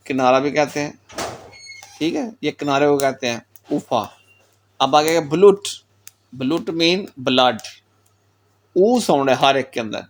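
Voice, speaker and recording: A man teaching German pronunciation in a recorded lecture, with a Pakistani Urdu accent. He explains patiently, repeats example words and mixes in English phrases. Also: fairly high pitch.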